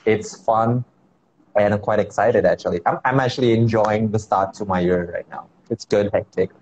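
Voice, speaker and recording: A man chatting casually and a little haltingly as a guest on a remote call. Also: on the low side, a little mellow. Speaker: interview guest, dance teacher. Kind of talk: casual chat. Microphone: remote internet live-stream call. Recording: muffled lo-fi call with noise.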